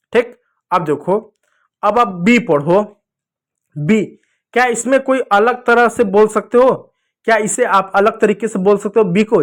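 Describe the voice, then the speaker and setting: A man teaching children English reading in a lesson, asking questions and answering them himself, and sounding out letters slowly. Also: sits high. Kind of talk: Hindi phonics lesson for kids.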